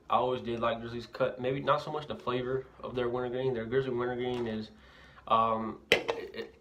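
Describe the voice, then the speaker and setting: In a house bathroom, a young adult from Louisiana talks casually while reviewing a product, a lip full of dip. His mid-range voice comes across a bit bright, and the noisy amateur bathroom recording contains clicks.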